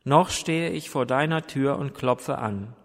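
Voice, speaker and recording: A man voicing Jesus as a gentle grown man who asks soft, pleading questions. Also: medium pitch, unhurried, gravelly. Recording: long hall reverb.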